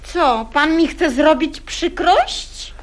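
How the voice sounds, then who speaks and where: An actress playing a teasing hostess who presses a guest to drink in an archival radio sketch. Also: female voice, high-pitched, slow. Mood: coaxing. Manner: coaxing, teasing.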